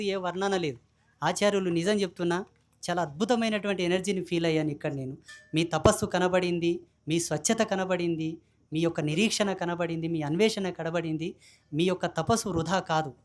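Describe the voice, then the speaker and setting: A man preaches a fiery public sermon as a renunciant swami. His voice sits high, and his delivery is forceful and declamatory. He now and then acts out the voices of the people who phone him.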